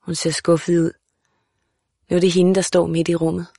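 A woman narrating a literary audiobook in a calm, measured, even way. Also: lowish voice, vocal fry, no room sound, studio quality.

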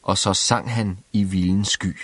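A man reading a fairy tale aloud as storyteller, in a lively, expressive way. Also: deep voice, no room sound.

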